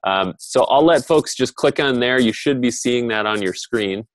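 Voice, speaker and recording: Hosting an online panel session on a video call, a man keeps things informal and chatty. His voice is medium-pitched at a moderate pace, recorded dry.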